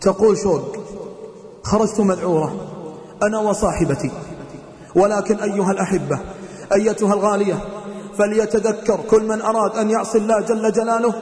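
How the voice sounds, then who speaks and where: Male preacher, high voice, dramatic sermon storyteller, roomy reverberant hall. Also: a little fast, long pauses, a little mellow. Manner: dramatic, voices quoted characters in a lower tone. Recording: echoey hall.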